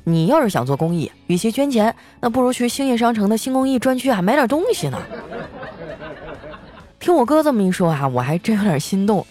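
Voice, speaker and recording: A young woman hosting, telling self-mocking comic stories in a chatty, animated way. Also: on the high side, fairly quick, faint music behind. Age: young adult. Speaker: host. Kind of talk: comic storytelling monologue with ad reads.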